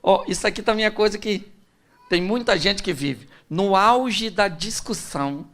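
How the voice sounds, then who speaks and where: A man's voice: high-pitched, unhurried, a bit bright. A man with a Brazilian Portuguese accent, a pastor giving a conversational, humorous sermon and speaking directly to his audience. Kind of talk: sermon on relationships.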